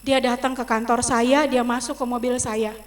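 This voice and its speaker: A middle-aged woman preaching a personal testimony in a church service, swinging from loud emotional outbursts to soft asides as she addresses the congregation. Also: fairly high pitch, level tone, normal speed. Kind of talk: sermon testimony.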